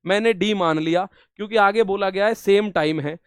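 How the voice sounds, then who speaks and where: A man's voice: high-pitched, fairly quick, a bit bright, clean tone, no echo, clean studio sound. A man teaching an exam-prep maths lesson, repeating each step and coaxing his students along. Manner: repetitive, coaxing, addresses students as brother.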